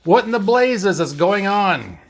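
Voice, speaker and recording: A man doing an irritable middle-aged ship's doctor in a read-aloud sci-fi story, barking lines above the narrator's pitch. Brusque and exclamatory, he sounds like a doctor under pressure. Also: normal speed, close to an everyday voice.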